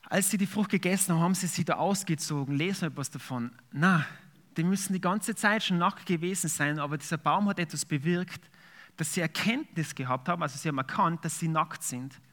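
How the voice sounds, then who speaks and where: A man's voice: fairly high pitch, a little fast, a bit bright. A man preaching a sermon, reading scripture aloud and then explaining it in a conversational way with fillers. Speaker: pastor.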